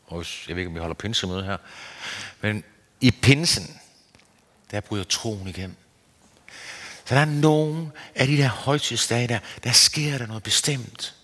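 Man preaching with long hall reverb. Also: a bit bright. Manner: earnest, searching, rises and falls in pitch. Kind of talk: sermon.

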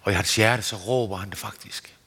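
A man giving an earnest, searching sermon as a preacher, his pitch rising and falling. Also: sharp tone, husky. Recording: long hall reverb.

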